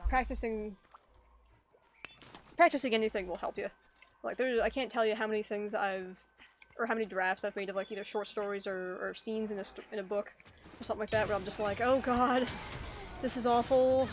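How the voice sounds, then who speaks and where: A woman's voice: mid-range voice, steady tone, brisk, a little hiss or hum. A woman hosting a gaming stream, chatting casually, laughing often and reading out chat. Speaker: streamer and host. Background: faint game music.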